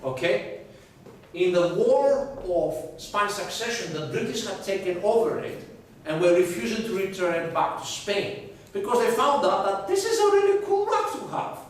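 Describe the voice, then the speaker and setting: A male university lecturer giving a lively, joking class lecture and quizzing the students, recorded in a classroom from a distant camera. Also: high-pitched, moderate pace. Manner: lively, jokey, asks the class questions. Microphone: far camera. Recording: echoey classroom from a far camera.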